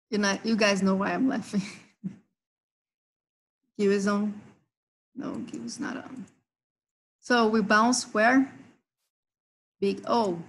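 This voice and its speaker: A woman's voice: mid-range voice, low-quality recording. A woman hosting a live trading session, walking members through chart levels and price zones. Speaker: trading stream host.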